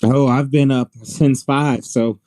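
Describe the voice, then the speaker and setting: A man with a drawl chats loosely on a live storm-coverage stream. He rambles and laughs easily in a mid-pitched voice. The sound is dry and close. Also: fairly even intonation, slow pace, mellow, no echo. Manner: chatty and rambling, laughs often. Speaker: co-host of a live severe weather stream. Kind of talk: casual on-air chat.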